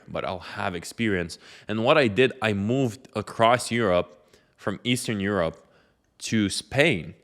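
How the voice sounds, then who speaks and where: Talking to camera in a relaxed, conversational way, a young man from Lithuania shares his life and offers advice, leaning on lots of fillers. He has a fairly low pitch and a sharp-sounding voice.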